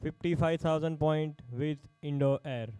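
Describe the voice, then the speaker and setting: Smooth male auctioneer, slightly high voice. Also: steady tone, unhurried, mellow, no room sound, faint music behind, low-quality recording. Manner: repeats bids and prompts in short clipped phrases. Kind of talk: live sports player auction calling, announcing bids.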